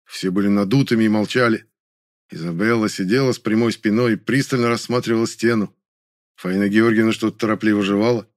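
Male audiobook narrator, lowish voice, steady scripted first-person reading. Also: fairly quick.

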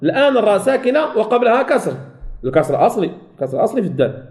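Man, high pitch, sheikh running a recitation lesson, drills and repeats each word. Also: sing-song, darkish tone. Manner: explains step by step, asks and answers his own questions; repeats and drills example words slowly. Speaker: sheikh teaching Quran recitation rules. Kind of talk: recorded tajweed lesson.

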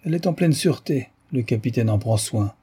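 A man reading the part of a pushy young gentleman pleading his love in a flowery, ardent way. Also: mid-range voice, lively intonation, fairly quick, husky.

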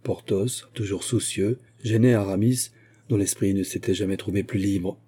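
A man narrating a classic novel as an audiobook in a measured, steady storytelling manner. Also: fairly low pitch, slightly rough.

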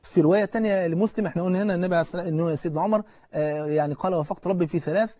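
Fast-talking Egyptian preacher, husky voice. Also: male voice, sits high, dry recording, studio quality. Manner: animated storytelling, asks listeners questions; recites scripture slowly and solemnly. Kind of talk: colloquial religious lecture.

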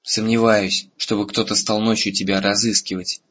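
A man's voice: lowish voice, little pitch movement, moderate pace, fairly bright tone, lo-fi sound, a little hiss or hum, natural voice. A man doing an earnest young dragon rider.

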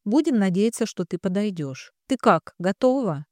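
A woman's voice: medium pitch, lively intonation, moderate pace, darkish tone, dry recording, close to an everyday voice. A woman voicing a curt, grave woman doctor. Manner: curt, dry, clipped.

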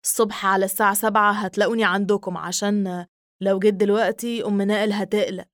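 A woman's voice: mid-range voice, level tone, fast talker, a bit bright, dry recording, clean studio sound, natural voice. A woman with an Egyptian accent voicing a blunt young man who scolds his friend on the phone. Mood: scolding. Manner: brusque, emphatic.

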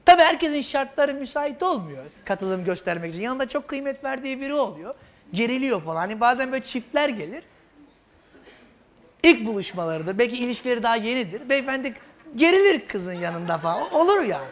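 A man doing stand-up comedy, telling an animated story and acting out characters before a live audience. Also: very high-pitched, a little fast. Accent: Turkish (Istanbul). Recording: live show with crowd and noise. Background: audience laughter.

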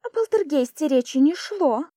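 A woman plays a spoiled young female student protesting loudly. Her voice is raised and sulky, mellow in tone, recorded dry. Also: sits high, lively intonation, measured pace, no room sound, pitched above the performer's own voice. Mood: indignant. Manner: indignant, sulky.

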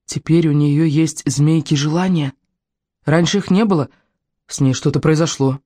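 A reader voicing an anxious boy speaking in a hushed, tense way. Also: mid-range voice, steady tone, normal speed, no echo, clean studio sound, close to an everyday voice.

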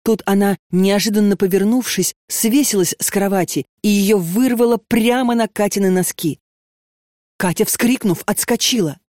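A woman reading a dark story as audiobook narrator, in a steady, measured voice. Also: mid-range voice, no room sound, clean studio sound. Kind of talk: scripted narration.

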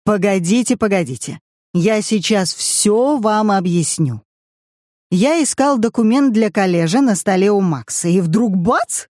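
A man's voice: sits high, animated, a little slow, a little mellow, no echo, voice pushed up. A reader voicing a drunk, sarcastic middle-aged man who mocks his relatives, in a dry audiobook recording. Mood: sly. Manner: mocking, bitter jabs.

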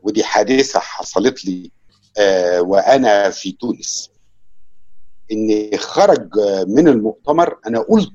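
Egyptian guy, interpreter giving a talk, husky voice, muffled recording. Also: fairly low pitch, lively intonation, normal speed, a little mellow. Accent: Egyptian Arabic. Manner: reflective, with many fillers. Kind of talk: lecture and casual Q&A.

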